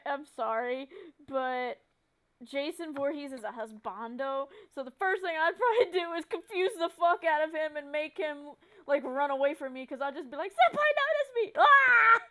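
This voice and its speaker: A woman's voice: high-pitched, moderate pace. A woman streamer chatting casually and teasing her friend, with playful dramatic outbursts. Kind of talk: casual chat.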